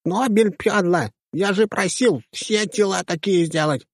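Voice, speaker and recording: Man doing a squeaky whiny little guy. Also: unhurried, no echo, clean studio sound. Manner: whining, squeaky high voice. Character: whiny short male squad mate, petulant. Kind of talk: audiobook character voice.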